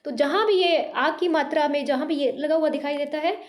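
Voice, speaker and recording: A woman's voice: sits high, moderate pace. A woman teaching a beginners' Hindi lesson online, patiently sounding out syllables, mixing in English words and checking in with her students. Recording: noisy recording with clicks.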